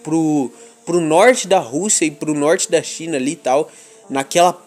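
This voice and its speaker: Young brazilian guy rambling on his podcast, crude slang, laughs a lot, kinda high voice, faint music underneath. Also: measured pace, darkish tone. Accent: Brazilian Portuguese. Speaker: podcast host. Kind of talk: casual chat monologue.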